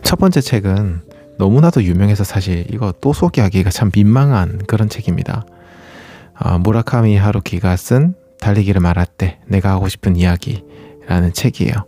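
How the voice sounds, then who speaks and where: Man, lowish voice, dark mellow tone, casual polite explainer, solo host talk, addresses listeners directly. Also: moderate pace, soft background music. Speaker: running channel host.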